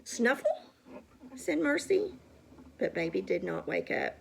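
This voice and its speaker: Woman reading a picture book aloud to a kid, lively voice, chatty asides. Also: medium pitch, a little slow, gravelly, slight background noise. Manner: chatty asides, asks the child questions. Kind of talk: casual storytime read-aloud.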